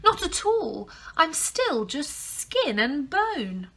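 Crafty old granny for a storybook read-aloud, high and squeaky, very sing-song; a woman reads her. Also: sing-song, slow, pushed and bright, heavily acted. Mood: sly. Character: crafty little old grandmother, cheeky.

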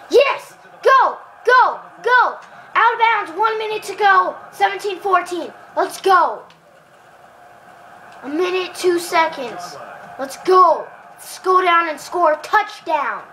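A woman giving excitable live commentary while playing a football video game, cheering and groaning at the plays and chatting to viewers. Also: very high-pitched, a little slow, slight background noise, low-quality recording.

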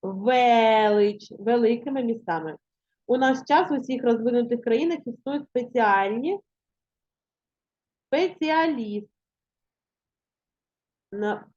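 A woman teacher giving a language lesson, reading words slowly and stressing syllables one by one. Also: a little high, darkish tone. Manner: slow, deliberate dictation, stressing syllables. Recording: muffled lo-fi recording.

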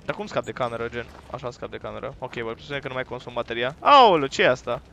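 A man giving loud, profane let's play commentary on a horror game, talking to his viewers and yelping at scares. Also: medium pitch, lively intonation, vocal fry, highs cut off, slight background noise. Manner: jumpy, profane, loud outbursts; talks to viewers while playing. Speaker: gaming YouTuber.

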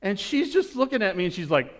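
A middle-aged man preaching a sermon as pastor, telling a story and now and then bursting into excited shouts. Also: sits high, brisk, background noise. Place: church sanctuary.

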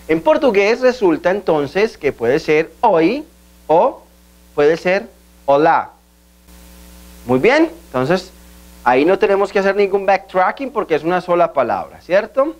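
A man teaching a recorded language lesson, slowly and deliberately modelling pronunciation and checking in with the learners. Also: high-pitched, very animated. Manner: slow, deliberate pronunciation drills with frequent "¿cierto?" check-ins.

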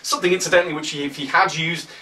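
A young man with a British accent giving animated, opinionated commentary to camera, often sarcastic. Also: on the high side, rapid-fire, far from the mic, poor audio. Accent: British English. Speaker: political vlogger.

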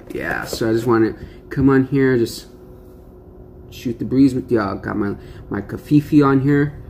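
A young mukbang vlogger chats to the camera during an eating show in a laid-back, slangy, rambling way, full of fillers. His voice sits at medium pitch and is a little mellow. There's slight background noise.

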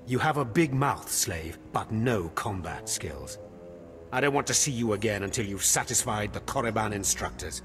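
A man's voice: fairly low pitch, animated, moderate pace, over music, close to an everyday voice. An actor playing a harsh, contemptuous male Sith overseer in a video game, giving cold commands. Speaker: academy overseer.

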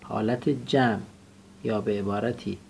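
A man's voice: on the low side, steady tone, gravelly, a little mellow, a little hiss or hum. A man teaching English vocabulary in class, drilling words and having his student repeat them back.

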